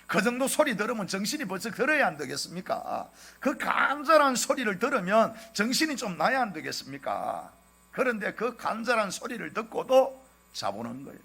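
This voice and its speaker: A man's voice: high voice, gravelly, fairly bright tone, breathy edge. A middle-aged man with a Gyeongsang accent preaching a sermon as senior pastor. He speaks emphatically and keeps asking the congregation rhetorical questions. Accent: Gyeongsang Korean.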